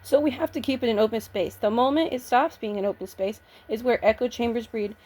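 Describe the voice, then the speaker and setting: Agitated young woman ranting, slightly high voice. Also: fairly quick, darkish tone. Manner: agitated, blunt, swears freely. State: shaky, nervous. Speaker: vlogger. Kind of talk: casual ranting vlog.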